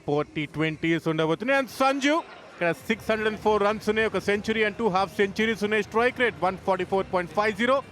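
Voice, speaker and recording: A man's voice: high-pitched, racing, fairly bright tone, soft background music. A man giving cricket analysis and commentary, mixing English terms into his Telugu.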